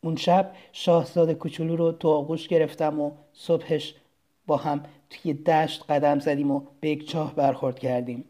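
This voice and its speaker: Calm, mellow storybook narrator. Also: mid-range voice.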